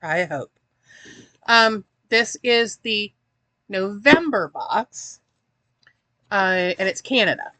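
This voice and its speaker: A woman's voice: mid-range voice, expressive, slow pace, pauses often, pushed and bright, no echo. A woman hosting a casual snack-box unboxing, chatty and wry, reading the packaging aloud. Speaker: host reviewing a snack box.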